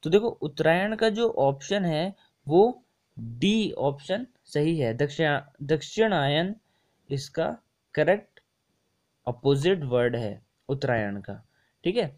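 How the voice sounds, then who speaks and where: A young man walks viewers through exam answers in an easy, chatty way. His voice sits a little high, and he repeats points and checks in often while mixing English terms into his explanations. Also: expressive, slow, darkish tone. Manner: chatty and repetitive, mixing English words into Hindi, often saying ठीक है. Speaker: exam coaching tutor. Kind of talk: casual screen-share lesson explaining test answers.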